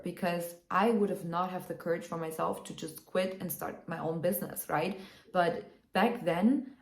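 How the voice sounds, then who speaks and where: A woman vlogger with a somewhat low voice coaxes her viewers through a motivational self-help talk. She sounds upbeat and keeps checking in with "you know" and "right?". The room has a noticeable echo. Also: vocal fry, a little mellow. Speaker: lifestyle vlogger. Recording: echoey room.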